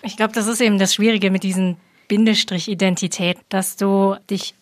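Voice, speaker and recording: A woman in her thirties, a guest on a podcast, talking in a thoughtful way and often pausing to search for words. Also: medium pitch, fairly even intonation. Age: 30s. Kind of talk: casual podcast chat.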